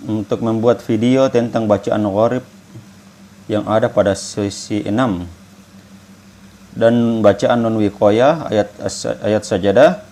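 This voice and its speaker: Slow, measured man reciting. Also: on the low side, slight background noise. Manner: explains rules calmly, then chants verses slowly and louder. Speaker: student reciting for an assignment. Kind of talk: Quran recitation lesson with explanations.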